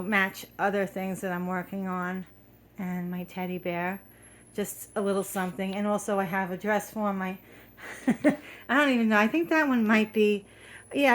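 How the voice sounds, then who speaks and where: A middle-aged woman talks through her handmade decorations in a rambling, homey way, full of "um"s and little restarts. Her voice sits at an everyday middle pitch, and she sounds slightly out of breath as she chats at home. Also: a bit bright. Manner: chatty, rambling, many fillers and restarts. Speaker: craft video host. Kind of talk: casual show-and-tell. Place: home craft room.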